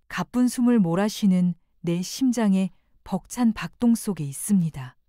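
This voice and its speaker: Woman, scripted motivational narration, gently persuasive, dry close sound. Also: mid-range voice, dry recording. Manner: calm, reflective, gently persuasive. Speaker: self-help narrator.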